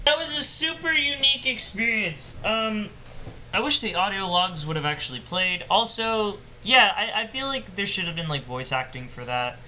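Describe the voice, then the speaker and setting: A man's voice: high-pitched, lively intonation, moderate pace, pushed and bright, a little hiss or hum. A young man giving casual, enthusiastic game commentary as the channel host. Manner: enthusiastic, rambling with fillers. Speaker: gaming YouTuber.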